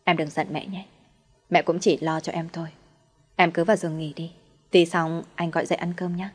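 A woman voicing a gentle young husband. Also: lowish voice, fast talker, breathy edge, soft background music. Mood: soothing. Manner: soft, soothing.

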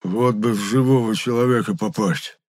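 A whiny spirit trapped in a decaying dead body moans and grumbles in a voice pitched well up, as a man puts him on. His complaints can flare into roaring, and it plays out as an audiobook reading. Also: normal speed, a little mellow, close to an everyday voice. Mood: moaning. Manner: whiny, moaning, bursts into roaring. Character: grumbling male spirit stuck in a rotting corpse.

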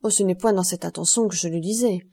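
A woman's voice: on the low side, fast, dark tone, slightly rough, dry recording, studio quality. A woman voicing a loyal, impetuous young soldier who speaks earnestly and with outbursts, in an audiobook. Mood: polite. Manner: earnest, exclaiming.

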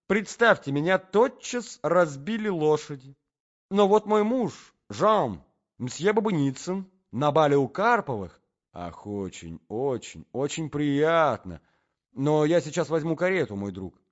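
A man's voice: big pitch swings, unhurried. A man voicing a flustered, chattering young society lady who talks in a breathless, gushing rush, on a dull lo-fi recording. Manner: breathless, gushing, high and flighty.

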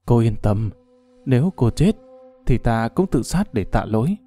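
Give me a calm, firm young swordswoman from a martial-arts storybook, voiced by a male reader. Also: mid-range voice, measured pace.

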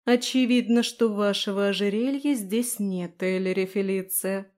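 A woman voicing a calm, stern female stewardess who speaks in a measured, weary way. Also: mid-range voice, lightly acted. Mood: firm.

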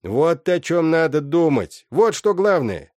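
Male reader putting on a scornful, sharp-tongued old witch mother, pitched up high, loud and lively, storybook reading. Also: measured pace, no echo, studio quality. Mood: mocking. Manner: scolding, mocking. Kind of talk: audiobook character voice.

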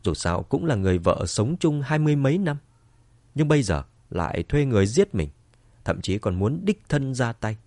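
A man's voice: medium pitch, very animated, normal speed, a little mellow, no echo. A man narrating an audiobook in a dramatic storytelling manner.

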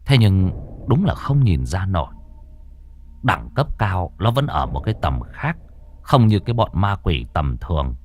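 A man narrating a ghost story in a dramatic, expressive way. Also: sits low, unhurried, a little hiss or hum.

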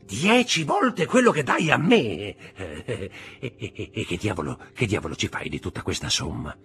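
A man's voice: lowish voice, sing-song, normal speed, fairly bright tone, husky, faint music behind, pitched above the performer's own voice, heavily acted. A man reading aloud, voicing a greedy, wheedling old male schemer who stammers and repeats his words.

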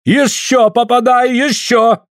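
A man voicing a fierce northern native man who speaks broken Russian in slow, drawn-out words. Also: on the high side, lively intonation, darkish tone, no echo, clean studio sound, pitched above the performer's own voice. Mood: shouting, terse.

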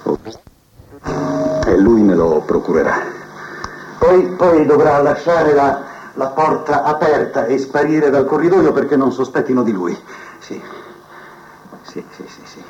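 An actor playing a proud, scheming male prison inmate who believes he is a genius, musing aloud to his cellmate in a theatrical TV drama monologue, drifting between soft mutters and sudden outbursts. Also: medium pitch, animated, measured pace, long pauses, close to an everyday voice. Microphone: cassette recorder mic held to a TV speaker. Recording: muffled TV audio taped off a set onto cassette.

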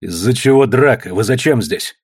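A man voicing a stubborn, burly male mine boss who later speaks faintly and hoarsely. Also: mid-range voice, normal speed, a little mellow. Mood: stern. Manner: faint, hoarse when hurt.

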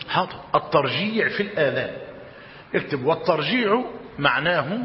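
A man with an Egyptian accent teaching a religious lesson, slowly dictating and repeating each phrase and quizzing his students. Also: a little high. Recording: dull roomy hall recording, faint hiss.

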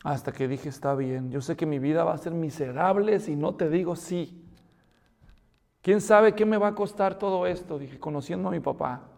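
A man delivers a sermon in a somewhat high voice that rises to emphatic peaks. He asks his listeners question after question. His voice rings with the long reverb of a large hall. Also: normal speed, gravelly, a little mellow. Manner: preaching with rising emphatic peaks and rhetorical questions. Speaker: pastor.

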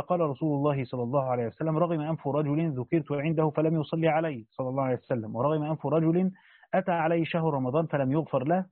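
An Egyptian-accented man reads a classical commentary quickly, then drops into casual spoken asides to explain it. His voice sits a little high. The recording is dry and tinny, like a phone line. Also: dry recording. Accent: Egyptian Arabic. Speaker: Quran commentary reader and teacher.

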